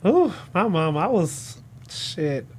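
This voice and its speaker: Man, podcast co-host, high voice, animated, dramatic, casual chat, noisy recording. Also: slow pace. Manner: animated, dramatic, laughs while talking.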